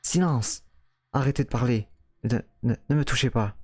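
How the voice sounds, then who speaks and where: A man's voice: mid-range voice, steady tone, fairly quick, husky, no echo, clean studio sound, lightly acted. Man voicing a tormented young man, stammering, panicky, visual novel. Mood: panicked.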